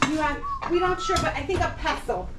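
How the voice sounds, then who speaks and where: A woman's voice: high voice, big pitch swings, brisk. A woman making casual small talk in an informal, conversational way. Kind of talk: casual chat. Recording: echoey, distant, very noisy with clattering.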